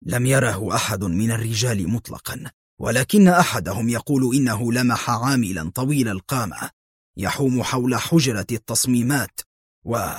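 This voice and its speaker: A cornered crime boss posing as an honest businessman, voiced by a male narrator, blustering to cover his fear. The voice is husky and dry, hovering at a middling pitch in this audiobook tale. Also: expressive, normal speed, no echo. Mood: shaken. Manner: blustering yet shaken. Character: nervous businessman secretly leading a crime ring.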